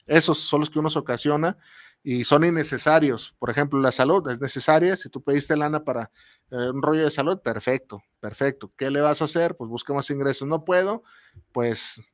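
A man's voice: on the high side, a little fast, dry recording, clean studio sound. A man with a Mexican accent hosting a podcast, talking in a casual, slangy and rambling monologue and acting out the people he quotes. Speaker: podcast host.

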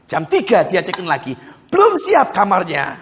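A male pastor preaching a sermon in a lively, conversational storytelling manner, often chuckling as he talks. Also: sits high, normal speed.

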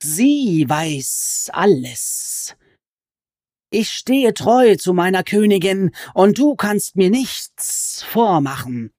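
A woman voicing a sly, menacing male goblin who is a fanatically loyal servant, speaking in a slow, drawn-out, hissing way. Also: medium pitch, sing-song, darkish tone, dry recording, clean studio sound, pitched above the performer's own voice, heavily acted. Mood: insistent, greedy.

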